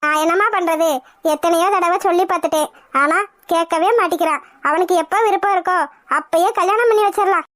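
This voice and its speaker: A woman doing a weary cartoon matriarch, very high voice. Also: fairly even intonation, fast, a bit bright. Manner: soothing, exasperated. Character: older matriarch of the house, weary peacemaker.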